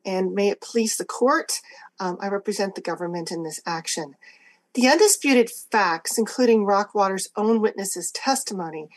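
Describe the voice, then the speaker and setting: A woman with a medium-pitched voice presents a formal legal argument. She is assertive and emphatic, setting out her points in measured phrases. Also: low-quality recording. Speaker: government lawyer arguing an appeal. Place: remote court hearing.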